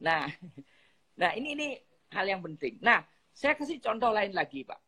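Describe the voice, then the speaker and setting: A woman's voice: medium pitch, sing-song, moderate pace, sharp tone, slight background noise. A woman speaking as a guest on an online live talk, politely giving numbered tips on communication. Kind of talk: instructional live chat. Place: online video call.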